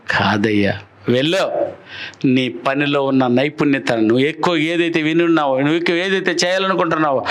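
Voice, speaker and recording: A man preaching a sermon as pastor in a church, asking his listeners question after question. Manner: preaching with rhetorical questions and swings in pitch.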